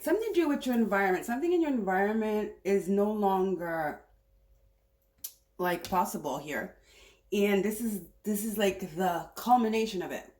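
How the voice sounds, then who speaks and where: A woman talks through a tarot reading in a loose, chatty way, wandering between thoughts as she goes. Her voice sits at a medium pitch, and the recording has a noticeable roomy echo. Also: darkish tone. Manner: rambling, chatty, thinking aloud. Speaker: tarot reader. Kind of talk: casual spiritual reading.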